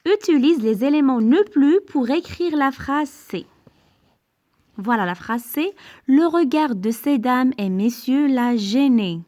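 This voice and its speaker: A woman teacher giving a grammar lesson, speaking slowly and deliberately, repeating sentences and exaggerating the rise on questions. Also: high voice, expressive, a little mellow. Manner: slow and deliberate, repeating and translating each sentence; exaggerated rising intonation on questions. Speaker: French teacher.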